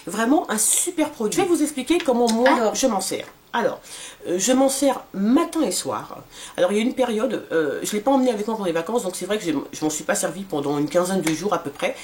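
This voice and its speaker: A woman's voice: mid-range voice, expressive, quick pace, darkish tone, a little hiss or hum. A woman in her forties casually reviewing a skincare serum for her vlog, talking with many fillers and restarts. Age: 40s. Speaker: beauty vlogger.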